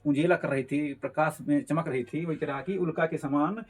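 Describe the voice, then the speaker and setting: A man's voice: on the high side, steady tone, normal speed, husky. A male teacher explaining a Hindi poem line by line, repeating and paraphrasing each phrase as he goes.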